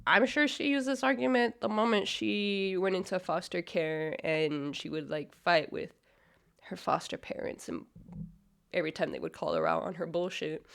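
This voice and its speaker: A woman's voice: fairly low pitch, creaky. A woman hosting a reaction video, blunt and mocking in casual commentary. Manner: blunt and mocking, laughs often. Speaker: reaction channel host.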